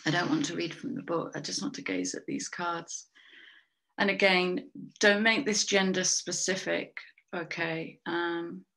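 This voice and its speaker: A woman with a lowish, gravelly voice leads a spiritual tarot card reading. She muses slowly and often trails off mid-thought before picking it back up. Small breathy laughs slip in between her thoughts. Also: fairly even intonation, sharp tone. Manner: slow, musing, trails off and restarts. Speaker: tarot reader and soul coach.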